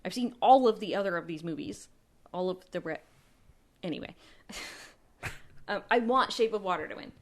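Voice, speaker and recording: A woman's voice: on the low side, lively intonation, normal speed, pauses often. A woman in a casual movie chat who sounds tipsy and sleepy, talking loosely, giggling and hedging.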